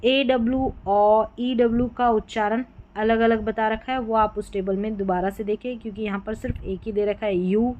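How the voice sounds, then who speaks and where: A woman's voice: on the high side, steady tone, normal speed, hardly any pauses, lo-fi sound. A woman teaching an English reading lesson, patiently spelling out letter groups and then sounding out each word. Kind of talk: classroom-style phonics lesson.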